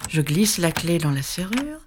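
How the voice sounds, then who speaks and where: A woman reading a story aloud in an expressive, storytelling manner. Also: on the low side, a little slow, slight background noise. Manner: expressive, singsong on the rhyme.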